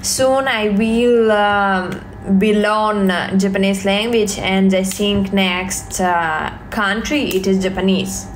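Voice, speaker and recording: A young woman from Russia with a Russian accent, livestreaming from her phone at home, reading viewer questions and answering in slow, halting English full of fillers and repeated thanks. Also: mid-range voice, steady tone, slight background noise. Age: young adult. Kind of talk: live stream chat reading viewer comments. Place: home, indoors, small room. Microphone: phone at arm's length.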